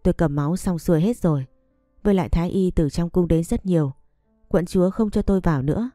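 A woman reading the lines of a calm, firm young male noble in a measured, gentle way. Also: lowish voice, dry recording, close to an everyday voice. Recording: dry close recording, faint music behind.

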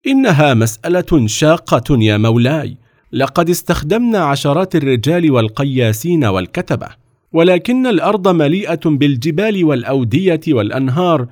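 A man's voice: fairly high pitch, animated, brisk, dry recording, studio quality, pitched above the performer's own voice, close to an everyday voice. A man voicing an angry, jealous court vizier in a storybook reading, protesting in raised, heated outbursts. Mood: indignant. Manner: heated, protesting, rising to shouts.

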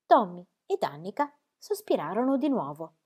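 Expressive woman reading a storybook. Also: mid-range voice, moderate pace, breathy edge. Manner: expressive and animated. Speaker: reader.

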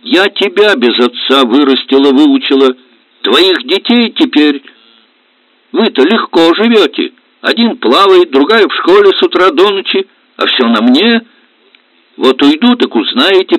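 A man voicing an aggrieved older mother-in-law who scolds and complains, in a high voice, reading an audiobook. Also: very animated, unhurried, a bit bright, no room sound, heavily acted. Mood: indignant. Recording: dull lo-fi recording.

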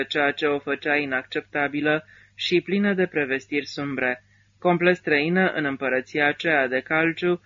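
A male narrator reads an audiobook in a steady, somber way. His voice is bright and a little high. The recording is dull and lo-fi.

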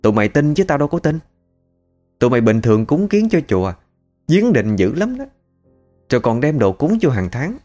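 A man's voice: lowish voice, close to an everyday voice. A man voicing a middle-aged, foul-mouthed, greedy female moneylender who curses and scolds harshly.

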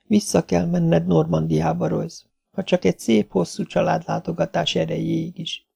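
A man's voice: level tone, creaky, a little mellow, slightly rough, heavily acted. A man doing a pleading young noblewoman. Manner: raised, pleading pitch. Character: young Saxon noblewoman, frightened, stubborn. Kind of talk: audiobook character voice.

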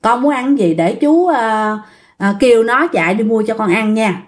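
A woman voicing a kindly older male security guard with a gentle, fatherly manner. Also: fairly high pitch, expressive, moderate pace, lightly acted.

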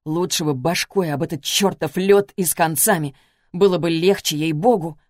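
Brief: female audiobook narrator, lowish voice, dry close booth sound. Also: dry recording. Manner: measured, expressive.

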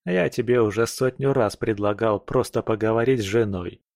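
A man's voice: on the low side, moderate pace, creaky, a little mellow, dry recording, clean studio sound. A man narrating a first-person audiobook in a wry, blunt manner.

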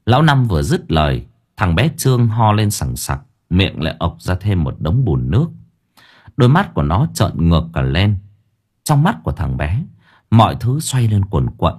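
Male storyteller, low, husky, expressive. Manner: animated, dramatic storytelling. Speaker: audiobook narrator. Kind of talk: storytelling narration.

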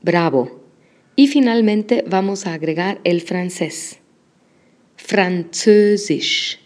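A woman teaching a language lesson, modeling words slowly and praising the listener after each repetition. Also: lowish voice, lively intonation, mellow. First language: Spanish. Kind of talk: slow, patient language lesson with repetition drills.

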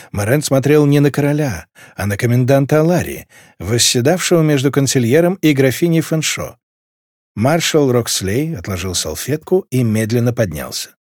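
A man narrates a novel with a lively, wide-ranging melody. The sound is close and dry, without room reverb. His delivery is expressive and storyteller-like. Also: medium pitch, normal speed. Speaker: audiobook narrator. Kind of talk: scripted narration.

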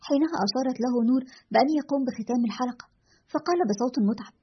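A woman narrates a scripted story in a brisk, even manner. Her voice is slightly high and husky, and she reads at a very fast clip through a dull, lo-fi recording.

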